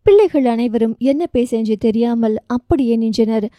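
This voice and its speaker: A woman's voice: a little high, normal speed, dark tone, no echo, studio quality. A woman narrating a romance novel audiobook, reading with feeling and giving each character their own voice. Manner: emotive, voices dialogue with feeling.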